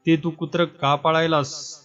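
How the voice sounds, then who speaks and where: A man's voice: fairly high pitch, flat delivery, unhurried, fairly bright tone. A man voicing a nasal, complaining village oil-presser in a dull recording with faint music.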